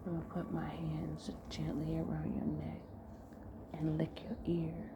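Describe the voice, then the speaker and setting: A woman voicing a dominant man whispering slow commands to his lover in a whispered role-play. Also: sits low, monotone. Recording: noisy background.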